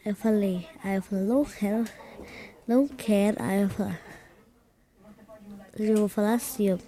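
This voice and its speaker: Teen girl vlogger, mellow voice, chatty and rambling, quick delivery. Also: mid-range voice, fairly even intonation. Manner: rambling, talks fast by her own account. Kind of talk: casual chat, recounting a prank.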